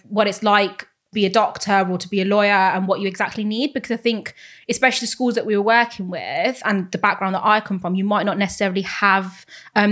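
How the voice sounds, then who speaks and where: A British woman in her twenties talks in a casual, chatty interview style. She pronounces v as w and peppers her sentences with "like" and "kind of", at a middling pitch. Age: 20s. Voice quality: speech quirk, says w for v. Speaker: guest.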